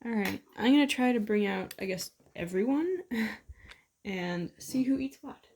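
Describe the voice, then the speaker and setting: A woman chatting casually while feeding her pet toads, coaxing them gently and telling stories with plenty of fillers. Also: medium pitch, unhurried, background noise. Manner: coaxing, talks softly to her animals; chatty storytelling with frequent fillers. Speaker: toad keeper filming her pets. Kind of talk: casual vlog chat.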